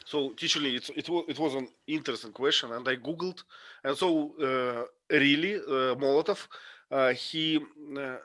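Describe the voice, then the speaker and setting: Man at mid pitch, running a class chat, hesitant phrasing, dry sound. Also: pushed and bright, no echo. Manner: halting, searches for words. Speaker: discussion leader. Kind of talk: casual class discussion.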